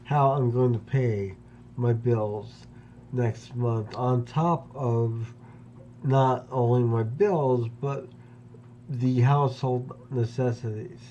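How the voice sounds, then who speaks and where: Slow-talking man in his fifties. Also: medium pitch, steady tone, warm tone, highs cut off, a little hiss or hum. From Pennsylvania, US. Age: 50s. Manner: slow, deliberate, with long pauses. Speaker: vlogger. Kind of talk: personal monologue to camera.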